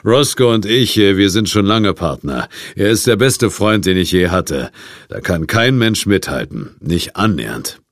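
A man's voice: low-pitched, sing-song, unhurried, dry recording, clean studio sound, voice pushed up, exaggerated voice. A man voicing a nervous, scruffy middle-aged drifter who hesitates and stammers with fillers, in an audiobook. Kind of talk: audiobook character voice.

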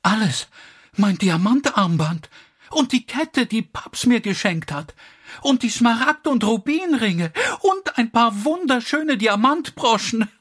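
A man reading aloud and voicing an excitable, breathless young woman who is frightened. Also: slow, slightly rough, exaggerated voice. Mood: distraught. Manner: breathless, high-pitched cries.

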